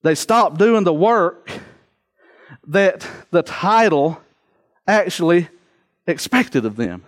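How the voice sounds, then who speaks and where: High-pitched man preaching an earnest sermon. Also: expressive, takes it slowly, pauses often. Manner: earnest, exhorting, with repeated phrases for emphasis.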